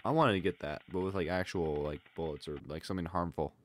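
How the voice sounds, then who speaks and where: A man's voice: low voice, fast, slight background noise. A young man giving loose, casual running commentary on fail clips, full of exclamations. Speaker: reaction video creator.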